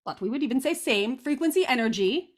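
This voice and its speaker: A woman channeling guidance like a seance medium, with formal, deliberate, stilted phrasing. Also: sits high, animated. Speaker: trance channeler giving guidance.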